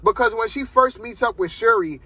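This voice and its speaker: A man's voice: very high-pitched, a little fast, pushed and bright, slightly rough, no echo, low-quality recording. A man giving a casual, rambling film review from inside a car, loosely talking with lots of "like" and "man". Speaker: movie reviewer.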